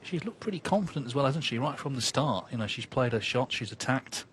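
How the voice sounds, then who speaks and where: A man giving live snooker match commentary in a measured way, often turning remarks into tag questions. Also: medium pitch, animated, a bit bright. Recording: background noise and arena ambience.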